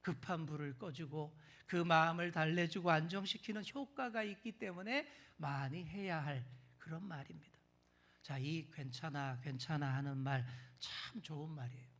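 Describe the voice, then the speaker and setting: A man with a high voice preaches a sermon as senior pastor. He speaks straight to the congregation and asks them questions. He drops to a whisper one moment and stresses words loudly the next. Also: moderate pace. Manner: expressive preaching, swings from loud stresses to hushed whispers.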